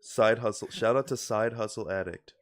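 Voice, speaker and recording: A man from Wisconsin co-hosting a casual podcast chat, speaking in a dry, laid-back way and often dropping into quiet, mumbled asides. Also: fairly low pitch, normal speed. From Wisconsin, USA. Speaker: podcast co-host.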